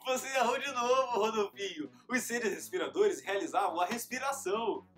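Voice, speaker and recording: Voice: mid-range voice, moderate pace, a bit bright, soft background music. A teacher host giving a playful scripted lesson in the manner of a children's show presenter.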